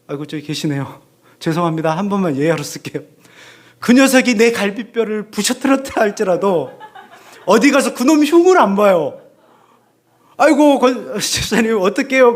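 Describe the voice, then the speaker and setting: A man preaching a Sunday sermon in a church, animated, acting out the voices of parents he quotes. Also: high-pitched. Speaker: pastor. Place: church sanctuary.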